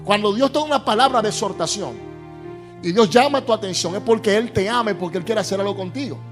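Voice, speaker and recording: A male pastor with a Caribbean Spanish accent delivers a prophetic Pentecostal sermon. His voice sits extremely high for a man, and he declaims with emphasis, repeating phrases to drive them home. Music plays behind him. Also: quick pace. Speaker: pastor preaching.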